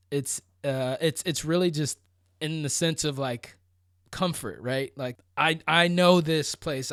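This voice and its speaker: A man from Florida, United States, speaks at a medium pitch in a casual motivational monologue for his vlog. The recording is dry and studio-clean. His style is conversational and emphatic, sprinkled with asides and rhetorical questions.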